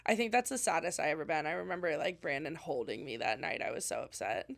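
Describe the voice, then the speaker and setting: Chatty young woman with gravelly fry. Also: low voice, sing-song, quick pace. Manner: chatty, rambling with many fillers. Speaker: podcast co-host. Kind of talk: casual chat.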